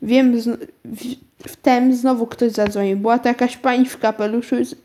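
A woman reading a children's storybook aloud. Her narration is calm and gentle. Her voice sits somewhat high for a woman. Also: normal speed.

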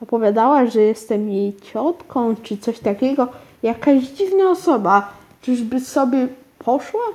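A woman's voice: on the high side, expressive, measured pace, a little mellow. A woman reading a storybook aloud, voicing a fussy, bewildered elderly aunt who asks flustered questions. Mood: fussing.

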